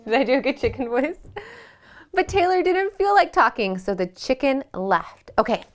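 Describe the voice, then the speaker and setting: A woman reads a picture book aloud at home and guides children through yoga poses. Her pitch sits a bit high and swings lively up and down. She keeps asking gentle, encouraging questions. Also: moderate pace. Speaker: yoga storytime teacher.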